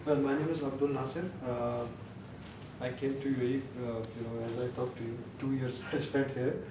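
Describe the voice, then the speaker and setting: A man introduces himself hesitantly, filling pauses as he searches for words. His voice is flat, far from the mic in an echoey room with clear background noise. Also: medium pitch. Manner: hesitant, many fillers.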